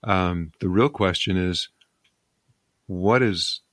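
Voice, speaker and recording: Male interviewer, slightly low voice, dry recording; conversational, musing delivery with halting, piecemeal phrasing. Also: a bit bright, dry recording. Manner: hesitant, musing, broken-up phrasing. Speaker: interviewer, show host.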